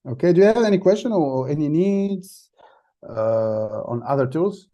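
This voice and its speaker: A man giving an online masterclass over a video call, talking haltingly with many fillers and restarts and loose phrasing. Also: fairly high pitch, expressive, dark tone, dull audio. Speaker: masterclass instructor. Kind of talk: online workshop talk.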